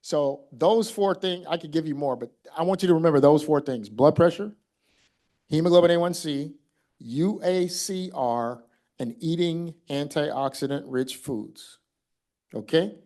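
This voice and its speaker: A man from Mississippi giving an animated, conversational conference talk as a kidney doctor, acting out what he tells patients. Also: on the high side, measured pace.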